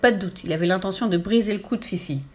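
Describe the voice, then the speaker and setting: A woman narrating a children's storybook aloud in a steady, clear storytelling voice. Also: mid-range voice, quick pace. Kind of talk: storybook reading.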